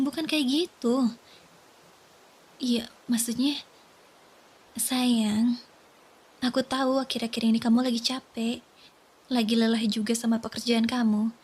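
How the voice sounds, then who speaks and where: A young woman voicing a worried wife who gently questions her husband, in a soft whispered role-play. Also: on the high side, breathy edge. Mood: pleading. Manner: gentle, coaxing, pleading.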